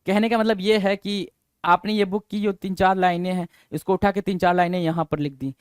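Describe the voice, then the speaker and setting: High pitched guy teaching vocab, keeps repeating words and quizzing, dry close sound. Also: steady tone, brisk, clear, resonant tone, no room sound. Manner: drills words, repeats and spells them out, asks students questions. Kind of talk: exam-prep lesson.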